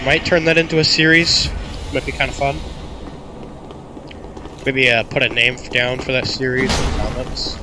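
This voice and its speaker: A man with a cold talks through a match in a loose, rambling way, poking fun at himself and stopping to cough. His pitch sits in an ordinary middle range. Loud game music plays underneath him. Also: flat delivery, normal speed, pauses often. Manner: rambling, self-deprecating. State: sick, coughing. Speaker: gaming channel host. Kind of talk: casual gameplay commentary.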